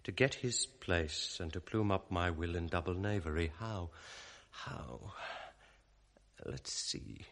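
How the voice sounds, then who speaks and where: An actor in a 1980s radio drama voices a scheming, sardonic male ensign who is mocking and sly, dropping to a hushed mutter when he plots. His voice is low and slow, and the performance is heavily acted.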